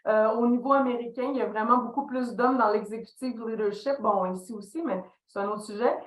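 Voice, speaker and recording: A middle-aged Québécois French-accented leadership consultant speaks as a guest on a podcast, reflecting on her career. She speaks fairly quickly in a slightly high voice, bringing her stories to life and acting out the lines people said. The space sounds echoey.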